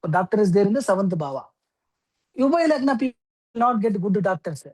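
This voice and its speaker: Woman teaching slowly. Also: mid-range voice, expressive, darkish tone, low-quality recording. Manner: explains slowly with many okays and fillers. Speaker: astrology teacher. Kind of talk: lecture.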